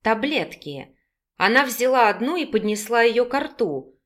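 A woman narrating an audiobook in a steady, measured storytelling manner. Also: fairly high pitch.

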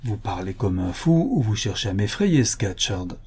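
A man voicing a calm, earnest country doctor in a quiet, measured tone. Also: lowish voice, husky, full character voice.

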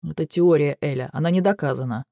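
A brooding male dragon with a stubborn streak and a calm, measured delivery, as a woman reads him in an audiobook. His voice sits a little low, mellow and soft-edged. The recording is dry and close. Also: vocal fry, no room sound. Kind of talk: audiobook character reading.

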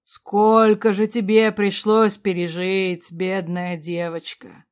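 A woman reading an audiobook, voicing an older remorseful king father who mutters slowly and loudly. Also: medium pitch, lightly acted. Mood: remorseful, muddled. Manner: slow, loud, mumbling.

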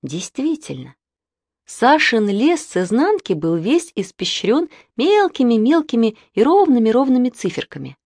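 A woman narrating a children's audiobook in an expressive storytelling manner. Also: a little high, measured pace, no echo.

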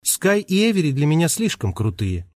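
A man's voice: on the high side, very animated, moderate pace, no echo, studio quality, pitched above the performer's own voice. Man doing Kiki, a shy parrot-shifter girl.

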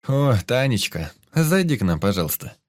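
A man voicing a calm, cheerful male doctor in a storybook reading, his voice raised and brighter than his narration. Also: medium pitch, moderate pace, no echo, studio quality, voice pushed up, close to an everyday voice.

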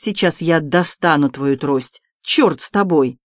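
An audiobook reader voicing a level-headed young officer who talks in a calm, reasoning way. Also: mid-range voice, unhurried, dry recording, studio quality, close to an everyday voice. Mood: conciliatory. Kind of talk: audiobook character voice.

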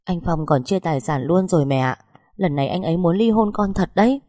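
A woman's voice: lowish voice, fairly quick, dark tone, no echo, clean studio sound, natural voice. A woman voicing a young pregnant wife who speaks hesitantly, stammering and pleading. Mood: tearful.

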